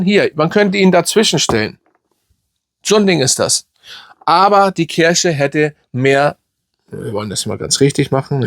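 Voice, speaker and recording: A man's voice: a little high, dry recording. A middle-aged man casually reviewing a fragrance, rambling with lots of fillers and tag questions, speaking close to the mic.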